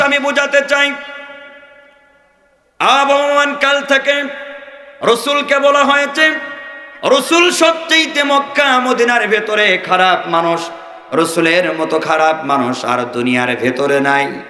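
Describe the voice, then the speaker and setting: Chanting preacher, bright voice in echoey hall. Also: male voice. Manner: chanting sermon, swings from shouts to low singsong. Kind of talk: sermon to a crowd.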